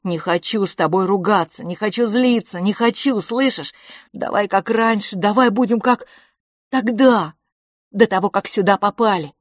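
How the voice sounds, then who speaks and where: A frantic young boy begging his brother, as a woman reader puts him on, his voice high, loud and breaking with fear. Every line pushes and pleads. The sound is dry and close. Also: moderate pace, no room sound, lightly acted. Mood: pleading. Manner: desperate, pleading, voice cracking.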